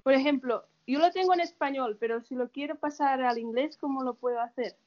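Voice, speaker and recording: A woman's voice: sits high, brisk. Politely questioning woman on a call. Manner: tentative, polite questioning with restarts. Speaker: participant asking a question. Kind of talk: casual group video call. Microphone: video call. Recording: dull lo-fi video call audio.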